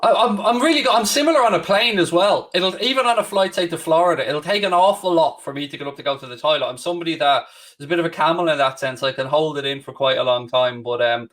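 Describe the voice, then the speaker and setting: A man in his late thirties from Ireland, with a Dublin accent, hosts a podcast in casual chat, answering questions candidly in a rambling, self-deprecating way. His voice is fairly high and fairly bright, he talks fast, and he sits far from the mic.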